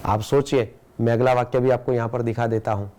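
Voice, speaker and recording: An Indian-accented man speaks as a schoolteacher giving a recorded lesson. His pitch sits in the ordinary middle range for a man. He explains step by step, asks his students rhetorical questions, and slows down to read each example sentence with care. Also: steady tone, mellow. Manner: slow, deliberate reading of example sentences. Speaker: school teacher.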